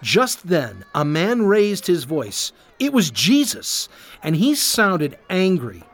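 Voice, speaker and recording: Lively guy reading a kids' story, slow and bouncy, soft music under. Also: high-pitched. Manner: animated, warm storybook reading. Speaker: children's storyteller. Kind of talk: scripted narration for kids.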